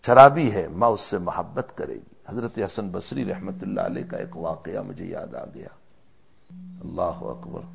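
A man preaching a sermon as a story, with emotive delivery that swells loud and then drops low. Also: gravelly, breathy edge, dull audio.

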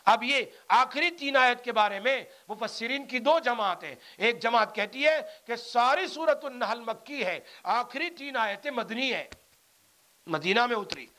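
A man giving an animated sermon of Quran commentary, rising to loud, emphatic peaks. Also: extremely high pitch. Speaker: preacher.

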